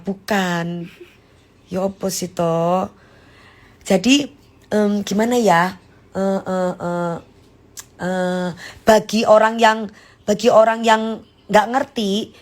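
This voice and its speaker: A woman chatting casually on a phone live stream, explaining slang acted-out examples. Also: medium pitch.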